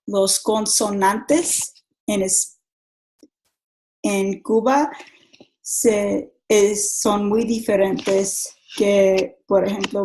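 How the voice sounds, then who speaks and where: Slow, halting woman giving a class talk. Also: mid-range voice, a little mellow, low-quality recording. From Mexico. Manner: halting, many restarts and repeated words. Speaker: student giving a class presentation. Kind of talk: school presentation.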